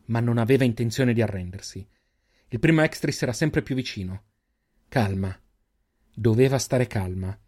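A man reading a fantasy story aloud as narrator, with steady, measured pacing and dramatic pauses. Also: medium pitch. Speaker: audiobook narrator. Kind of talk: scripted narration.

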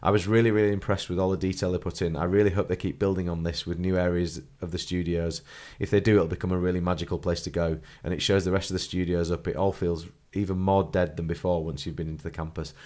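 Congested from a cold, this podcast host reads out a listener's trip report, clearing his throat and chuckling frequently. His voice is low-pitched and somewhat dark, delivered fast in a level tone with few pauses.

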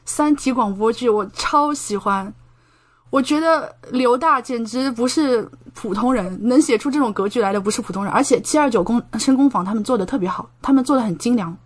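A young Chinese woman appears as a podcast guest, chatting casually in a fairly high voice at a brisk clip. She comes across as expressive and enthusiastic.

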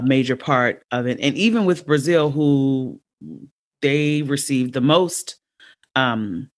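A woman in her forties hosting a podcast, chatting casually and thinking aloud, with many restarts and sudden jumps up in pitch. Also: fairly bright tone. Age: 40s. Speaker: podcast host and educator. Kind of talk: casual conversational interview.

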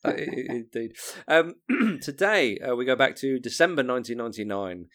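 Lively jovial podcast host, man. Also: medium pitch, brisk. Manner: jovial, interjects often. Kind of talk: hosting a football podcast.

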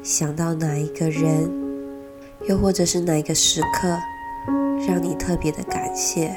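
A woman speaks in a low register, softly leading a guided meditation over prominent piano music. Her delivery is soothing and unhurried, with long pauses between short phrases. A head cold gives her voice a slightly nasal tone. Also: steady tone. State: has a cold. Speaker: podcast host leading a guided mindfulness meditation. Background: gentle piano music.

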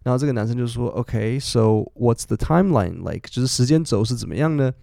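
A man's voice: mid-range voice, fairly quick, creaky, dark tone, dry recording, clean studio sound. A man in his twenties, hosting a podcast and explaining English grammar, often repeating phrases as he thinks. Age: 20s. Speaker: English teacher and podcast host.

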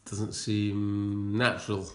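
A man with a northeast Scottish accent, answering questions casually and haltingly. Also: lowish voice, monotone, roomy sound. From northeast Scotland. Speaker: interviewee. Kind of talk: casual chat.

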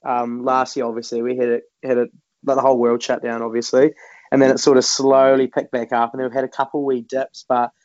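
A man's voice: mid-range voice, level tone, fairly quick, a little mellow, dry recording, highs cut off. A man with a New Zealand accent chatting casually and colloquially as an interview guest. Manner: informal, colloquial, refers to himself in third person. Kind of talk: casual chat.

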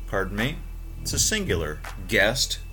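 A man's voice: on the low side, very animated, a little slow, bright, forceful tone, soft background music. A man hosting a podcast monologue, talking in a playful, wordy and emphatic way. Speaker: podcast host.

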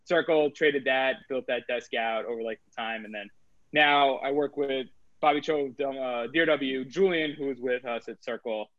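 A man speaks in a relaxed, meandering way, piling up filler words as he goes. His voice sits at a middling pitch and sounds dry and a little dull, as if recorded with a modest setup. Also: normal speed, no room sound. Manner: rambling, heavy use of filler "like". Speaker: guest, crypto trader. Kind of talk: casual interview talk.

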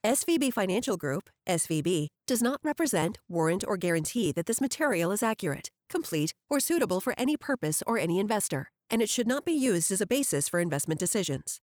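A woman's voice: mid-range voice, very animated, fairly quick, hardly any pauses, darkish tone, no echo, clean studio sound. A woman narrator reads a scripted legal disclaimer in a formal, precise way. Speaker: disclaimer narrator for a financial podcast.

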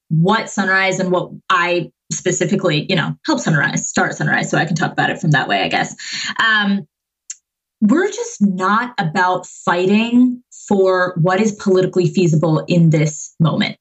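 A woman in her twenties from Massachusetts, a climate organizer talking passionately and quickly in a podcast interview, with many fillers. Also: lowish voice, sing-song, husky, dull audio. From Massachusetts, USA. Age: 20s. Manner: passionate, fast, with frequent fillers. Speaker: climate movement organizer, guest.

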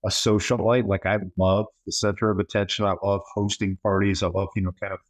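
A man's voice: on the low side, level tone, brisk, no echo. A man chatting casually as a guest on a podcast, on slightly muffled audio. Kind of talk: casual chat.

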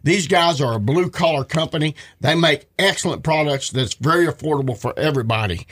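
A man pitching products in a conversational radio ad read. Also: a little fast, fairly bright tone, slightly rough. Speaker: advertisement pitchman.

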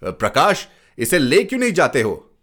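A man's voice: medium pitch, very animated, takes it slowly. A man voicing a stern, impatient father who scolds and gives orders to his son and the household. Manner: scolding, commanding.

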